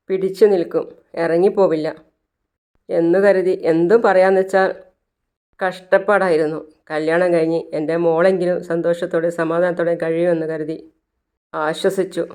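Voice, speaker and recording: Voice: medium pitch, a little mellow, clean tone, lightly acted. Narrator reading a pleading poor mother. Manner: pleading, sorrowful.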